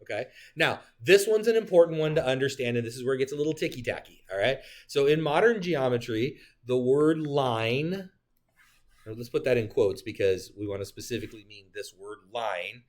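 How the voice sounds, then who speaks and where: Lively male geometry teacher lecturing. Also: medium pitch, normal speed. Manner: animated, joking asides, talks to students. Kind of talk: classroom lecture.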